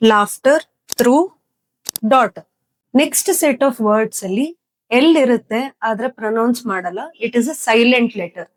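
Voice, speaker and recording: A young woman teaching spoken English with a Kannada-accented Indian English, explaining slowly and repeating word lists for practice. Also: a little high, low-quality recording. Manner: slow, deliberate explaining, repeating words for practice.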